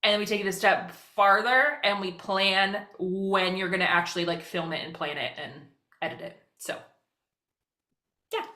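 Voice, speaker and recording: Bright, rapid-fire woman presenting a webinar. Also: mid-range voice, steady tone. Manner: very fast, rapid-fire talking; chatty, self-deprecating asides. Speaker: social media educator presenting a webinar. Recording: roomy, echoing sound.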